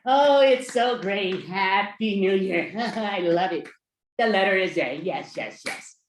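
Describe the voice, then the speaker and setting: A performer putting on a slow, gushing, sing-song Baby New Year voice, recorded in an echoey room. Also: medium pitch, a little hiss or hum, close to an everyday voice.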